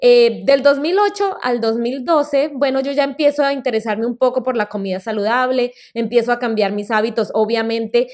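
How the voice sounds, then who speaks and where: A woman in her thirties with a Colombian accent tells her own story on her solo podcast, chatting casually with fillers like "eh" and "pues." Her voice is fairly high and darkish in tone, and she speaks at a moderate pace with hardly any pauses.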